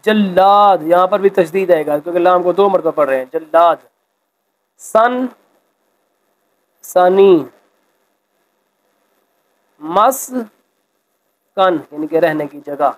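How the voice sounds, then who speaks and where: A man teaching a school lesson, explaining a textbook exercise and reading example sentences slowly with expression. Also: high voice, low-quality recording.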